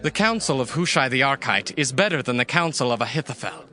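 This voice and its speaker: A man's voice: medium pitch, lively intonation, quick pace, sharp tone. An actor playing a young rebel prince who gives commands to his counselors in a dramatized scripture reading. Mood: commanding. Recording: music bed behind voice.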